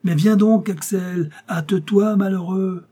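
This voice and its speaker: A man reading an audiobook, voicing an impatient elderly male professor who shouts hurried orders. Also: high voice, husky, voice pushed up. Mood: agitated.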